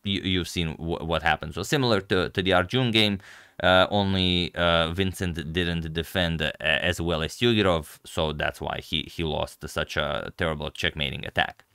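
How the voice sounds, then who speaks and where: A man giving casual, explanatory move-by-move commentary on a chess game in a measured way. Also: deep voice, gravelly, pushed and bright, smooth, no room sound, studio quality. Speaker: chess commentator and channel host.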